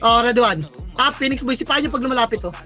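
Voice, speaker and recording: A player calling shots in live esports team comms, barking rapid callouts, counting down and cursing often. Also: mid-range voice, pushed and bright, soft background music. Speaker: team shot-caller.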